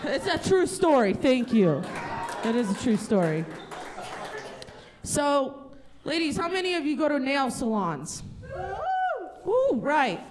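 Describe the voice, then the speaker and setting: Speaking slowly in a high, sing-song voice and pausing often, a female comic performs stand-up in front of a live crowd. She's chatty and self-mocking with loud character bits, and audience laughter and venue noise sit in the background.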